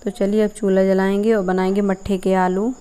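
A woman's voice: medium pitch, flat delivery, brisk. Young village woman narrating her cooking. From Uttar Pradesh, India. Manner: plain step-by-step explaining. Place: rural courtyard, outdoors.

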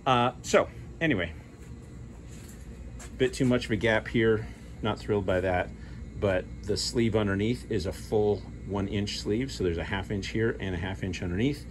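A man's voice: fairly low pitch, normal speed, slight background noise. A middle-aged man in casual narration of his work in a garage, thinking aloud as he explains each step. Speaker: hobby car restorer. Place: garage workshop.

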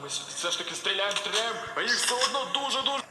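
A man commentating on his own war game as he plays, excited and talking to himself in short repeated words. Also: high-pitched, very fast, echoey room, big-room sound. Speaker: gamer playing a war game. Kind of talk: live gameplay commentary.

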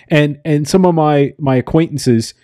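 An American man hosting a podcast, chatting in an unhurried, reflective way and searching for his words. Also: on the high side, warm tone, dry recording, clean studio sound. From United States. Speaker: podcast host. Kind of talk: casual interview conversation.

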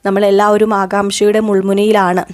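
A woman's voice: mid-range voice, flat delivery, normal speed, darkish tone. A woman who hosts a recap channel, retelling an episode of a TV serial in a chatty way and talking straight to her viewers. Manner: storyteller, talks straight to viewers with asides.

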